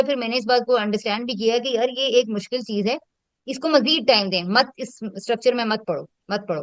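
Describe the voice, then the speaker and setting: A woman talks through her teaching approach in a relaxed, conversational way. Her voice sits a little high and sounds dry and close, with almost no room around it. She reflects aloud and drops English terms into her speech. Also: no room sound. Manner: reflective, explains with classroom examples, mixes in English terms. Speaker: educator and host. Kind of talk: casual conversational teaching talk.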